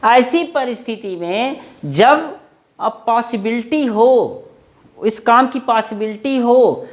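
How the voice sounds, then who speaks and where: Slow, lively-voiced male English teacher. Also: very high-pitched. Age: 40s. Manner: repeats phrases and stretches out English words slowly. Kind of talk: grammar lesson explained in Hindi.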